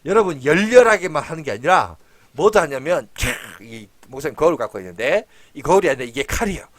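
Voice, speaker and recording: A male pastor giving a children's sermon, telling a Bible story in an animated way and asking the children questions. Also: fairly high pitch, fast.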